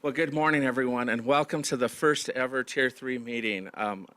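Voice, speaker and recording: As county manager, a man who is losing his voice hosts a staff meeting and gives opening remarks to a large audience, with many fillers and restarts. His mid-range voice is a bit bright, and he speaks at normal speed.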